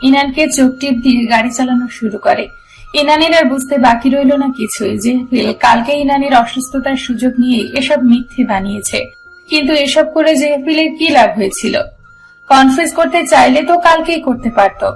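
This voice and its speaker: A woman narrating a romance audio story in a steady storytelling manner. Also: high voice, fairly quick, soft background music, low-quality recording.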